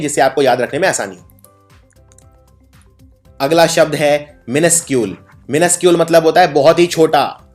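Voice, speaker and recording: A man teaching English spelling in Hindi, explaining word meanings and spelling each word out letter by letter. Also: a little high. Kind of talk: explaining lesson.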